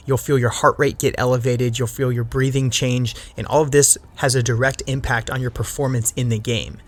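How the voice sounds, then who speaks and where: A man hosting a gaming video, reading scripted review narration and addressing viewers directly with emphasis. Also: medium pitch. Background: music.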